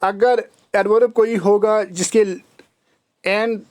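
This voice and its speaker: A man teaching English grammar in a recorded lecture. He reads the rules slowly, almost like dictation, then explains them quickly with examples. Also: high-pitched, little pitch movement, darkish tone, smooth.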